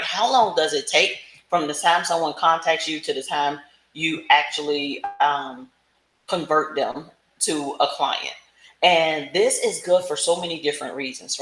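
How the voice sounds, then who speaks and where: Here a business coach presenting a livestream speaks in a low register with a fairly bright tone. She instructs casually, frequently asking the listener "right?", and her voice bounces around a roomy, echoing room.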